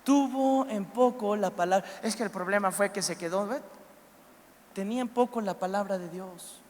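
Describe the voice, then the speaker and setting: A Mexican man preaching a sermon in church, animated, acting out biblical figures and putting questions to the congregation. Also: sits high, normal speed, a little hiss or hum. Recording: live church recording with long reverb.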